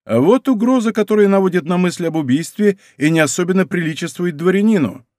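A man's voice: sits high, animated, brisk, a little mellow, no room sound, voice pushed up. A haughty English duke whose every line carries lofty challenge, as a man puts him on. The reading sits dry and close. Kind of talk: audiobook character voice.

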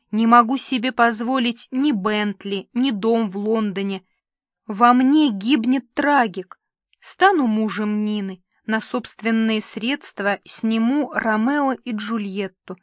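A woman's voice: on the high side, slow, no echo, studio quality. A woman reading aloud, voicing a vain, melodramatic aging male actor who pleads and coos. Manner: melodramatic, wheedling.

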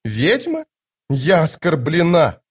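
A man's voice: a little high, big pitch swings, brisk, voice pushed up. A man voicing a haughty, teasing sorceress in an audiobook, speaking in a mocking, commanding way. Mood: offended. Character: haughty, teasing sorceress woman, playful and imperious. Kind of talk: audiobook character voice.

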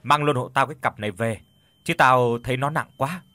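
A man voicing a frightened young village woman who calls out in a shrill, panicked way. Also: a little fast, bright, forceful tone, close to an everyday voice. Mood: teasing.

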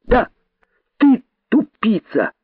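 A daring little rabbit, played by a male reader yells taunts and rallying cries in a high, strained voice. It is a lively storybook turn, husky in tone and flattened by a dry, tinny phone-like sound. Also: takes it slowly, no echo, exaggerated voice. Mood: defiant taunting. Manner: loud, shouting, cheeky. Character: bold defiant male rabbit shouting.

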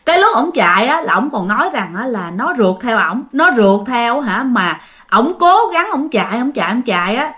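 Lively Southern Vietnamese woman storyteller. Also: a little high, fairly quick. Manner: chatty, addresses listeners directly, many fillers. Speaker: ghost story narrator. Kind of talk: casual spoken storytelling.

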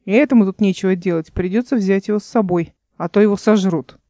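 Kikha, a calm knowing spirit guide, read by a woman. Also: mid-range voice, fast talker, dry recording, close to an everyday voice. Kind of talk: audiobook character reading.

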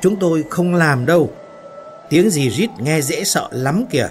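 A man voicing frightened, quarrelsome female factory workers in a spoken ghost story, shrill and scolding. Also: animated, a little slow, slight background noise.

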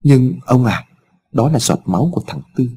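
A man's voice: mid-range voice, lively intonation, moderate pace, dark tone, husky. A man voicing a distraught older mother who laments anxiously, in a storybook reading. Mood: distressed.

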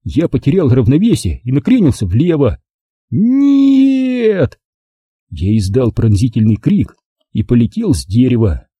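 A man reading a children's storybook aloud in the first person, expressive and lively. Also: mid-range voice, moderate pace, slightly rough, no room sound. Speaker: audiobook reader. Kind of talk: storybook narration.

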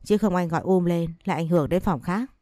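A sharp young man in a storybook, voiced by a woman narrator, persuasive and matter-of-fact. The voice is low and dark, close and dry. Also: fast, no room sound, lightly acted. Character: quick-witted young man, wife's brother.

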